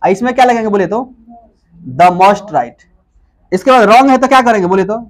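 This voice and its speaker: A man teaching English grammar in a classroom-style lecture, who keeps asking questions and answering them himself and repeats key words slowly. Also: high voice.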